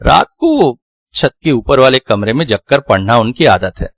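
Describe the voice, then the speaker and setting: A man telling a scripted horror story in a slow, dramatic, suspenseful way. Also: medium pitch, big pitch swings, no room sound.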